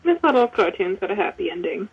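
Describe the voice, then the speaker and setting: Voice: medium pitch, expressive, fast, husky, highs cut off, pitched below the performer's own voice. A roleplayer playing a pampered, scared captive young woman who complains dramatically. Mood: forlorn.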